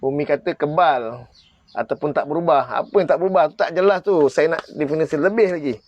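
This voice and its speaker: A man's voice: on the high side, brisk, dull audio. A man with a Malaysian Malay accent teaching Arabic grammar in a live online class, quizzing viewers and pressing them to comment and answer.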